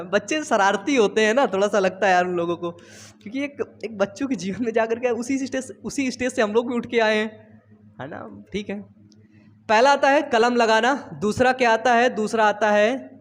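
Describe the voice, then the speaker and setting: A young man teaching a biology lesson in a casual, chatty way, teasing his students and telling them to write along. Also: high-pitched. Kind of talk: casual classroom lecture. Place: home studio.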